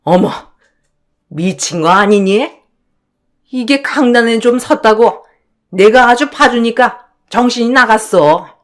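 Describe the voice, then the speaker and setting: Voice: mid-range voice, slow, long pauses, pitched above the performer's own voice, lightly acted. A woman playing a sneering snobbish mother-in-law. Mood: scornful. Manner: sneering, contemptuous. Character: snobbish middle-aged mother-in-law, haughty and scornful.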